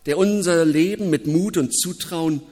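A man preaching a reflective, personal sermon as pastor, with thoughtful pauses. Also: on the high side, darkish tone, soft background music. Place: church. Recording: long reverb of a church.

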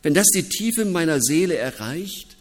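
A man preaching a reflective, personal sermon as pastor, with thoughtful pauses. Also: fairly high pitch, very animated. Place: church. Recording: long reverb of a church.

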